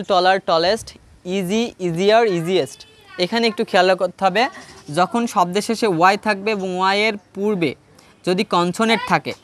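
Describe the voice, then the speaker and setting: A man with a Bangladeshi Bengali accent teaching an English grammar lesson step by step, asking questions and answering them himself. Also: sits high. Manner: repeats key points for emphasis. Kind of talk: classroom grammar lesson at a board.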